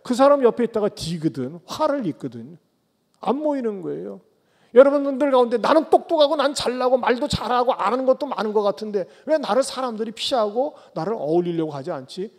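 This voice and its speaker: A man preaching a sermon as pastor, tossing rhetorical questions at the congregation and swinging between loud calls and soft low asides. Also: lively intonation, fairly quick. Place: church sanctuary. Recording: long church hall reverb.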